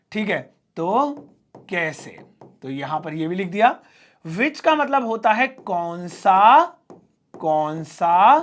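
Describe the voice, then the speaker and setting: Writing on a board as he goes, a man teaches a spoken English lesson, repeating each word slowly and spelling some out. His voice sits high.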